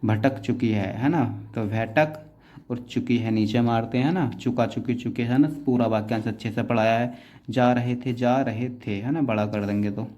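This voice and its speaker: Guy teaching shorthand step by step, keeps asking "right?", mid pitch, kinda muffled audio. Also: steady tone, normal speed, darkish tone. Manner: explains step by step, often adds "isn't it" tag questions. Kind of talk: classroom explanation while writing.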